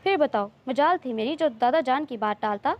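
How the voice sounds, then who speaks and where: A woman's voice: sits high, expressive, moderate pace, highs cut off. A woman reading a teasing, loving young man. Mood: teasing, tender. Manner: playful, coaxing, insistent. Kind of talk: romance novel reading.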